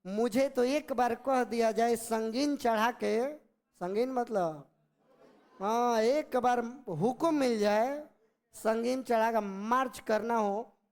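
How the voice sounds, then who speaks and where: A man's voice: extremely high pitch, slow, darkish tone, exaggerated voice. An impatient Sikh soldier itching for battle swears he will take on the enemy alone, voiced by a man reading aloud in class. His Hindi has a Bhojpuri accent. He delivers the lines in an eager dialogue style. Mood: eager boastful. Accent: Bhojpuri-influenced Hindi.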